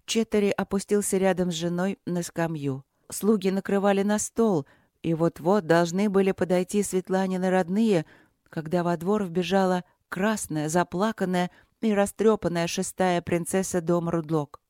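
An audiobook narrator reading in a steady, measured way. The voice sits in a middle register and is recorded close with a dry sound and no room echo. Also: mid-range voice.

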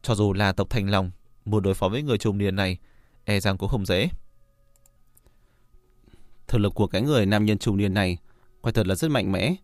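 A male audiobook narrator reads a fantasy tale in a steady, even storytelling manner. His voice sits low. The recording is dry and close, with no room echo. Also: fairly quick, pauses often. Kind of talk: scripted narration.

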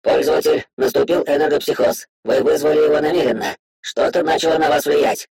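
A man voicing an inner system that makes flat, formal announcements in an audiobook. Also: fairly high pitch, fairly quick, creaky, husky, no echo, voice pushed up. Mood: announcing. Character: cold system voice in a boy's head. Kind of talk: audiobook reading.

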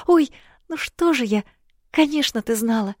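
A delicate young princess with a high, eager voice that spills over in breathless, fretful chatter, as an audiobook reader puts her on. She sounds sweet and easily upset, her words tumbling out quickly. The take is close and dry, with no room around it. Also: expressive, no room sound. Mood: gushing. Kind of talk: audiobook character voice.

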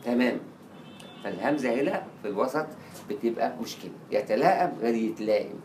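A man with an Egyptian Arabic accent lectures at a quick clip, lively and theatrical, slipping into quoted voices and repeating words to drill their pronunciation. The sound comes from an echoey lecture room with a faint hiss behind him. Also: mid-range voice. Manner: animated, acts out quoted dialogue and drills pronunciation. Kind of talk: university lecture on Arabic writing. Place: lecture hall.

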